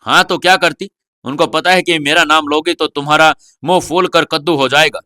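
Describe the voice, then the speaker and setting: A man voicing a teasing, sharp-tongued little girl in an audio story, with bossy, mocking retorts. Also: on the high side, steady tone, a little fast, no room sound, clean studio sound.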